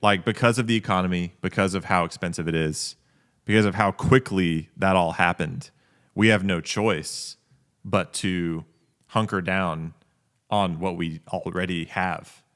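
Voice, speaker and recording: A man with a very low voice talks through business plans on a casual podcast. He sounds reflective and measured, and he circles back to the same phrases as he thinks aloud. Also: fairly even intonation, fairly bright tone. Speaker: coffee company co-owner, podcast host.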